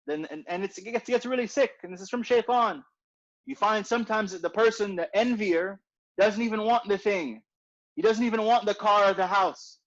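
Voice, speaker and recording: Fairly quick and high-voiced, a man conducts an informal religious class as a conversation, restating his ideas and tossing in "right?" often. It comes through a dull, lo-fi recording.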